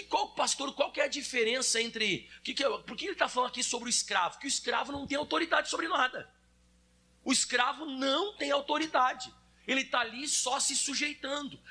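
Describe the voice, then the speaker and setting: A man's voice: very high-pitched, pushed and bright. A man preaching a sermon as pastor, addressing the congregation directly and acting out little examples.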